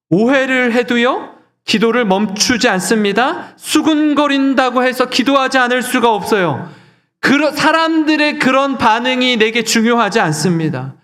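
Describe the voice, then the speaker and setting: A man's voice: very high voice, a bit bright. A male pastor preaching a sermon earnestly, putting rhetorical questions to his congregation.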